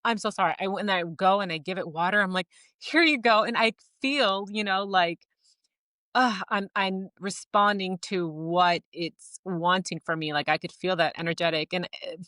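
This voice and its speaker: A woman co-hosting a casual podcast, telling stories in an animated way, laughing often and acting out lines. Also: on the low side, moderate pace, dry recording, clean studio sound. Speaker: podcast co-host.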